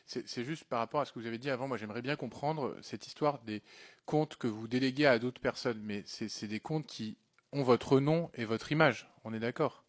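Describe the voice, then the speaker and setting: A man's voice: mid-range voice, moderate pace. A man chairs a formal hearing and presses the witness with direct follow-up questions. His voice sounds dry and close, with no room echo.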